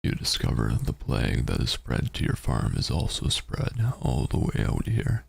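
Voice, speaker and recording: A man streaming a game, reading its story text aloud and adding halting, muttered casual commentary. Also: wildly swooping pitch, dry recording. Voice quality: very deep, gravelly, husky.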